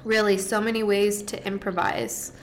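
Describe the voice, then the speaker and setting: A woman's voice: medium pitch, steady tone, normal speed, slight background noise. A woman co-hosting a podcast, chatting casually and gushing with enthusiasm over food. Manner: warmly enthusiastic, gushing praise. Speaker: podcast co-host. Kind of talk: casual chat while tasting food.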